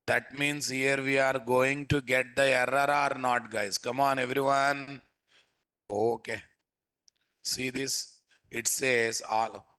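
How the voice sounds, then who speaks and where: A man's voice: medium pitch, bright, forceful tone. A man with a Telugu accent teaching a live programming lesson as an instructor, repeating phrases and often checking with his listeners through questions. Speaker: software instructor.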